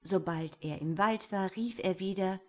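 A woman reading a fairy tale aloud in a calm storytelling manner. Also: medium pitch, a little slow.

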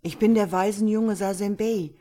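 A woman's voice: mid-range voice, steady tone, measured pace, mellow, natural voice. A woman voicing a young orphan boy who speaks earnestly, in a storybook reading. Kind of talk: audiobook reading.

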